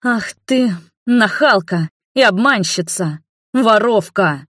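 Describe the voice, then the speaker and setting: A woman's voice: mid-range voice, moderate pace, dry recording, studio quality, natural voice. A woman voicing a spoiled young princess who is furious and demanding, speaking in a raised, indignant voice. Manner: indignant, shouting.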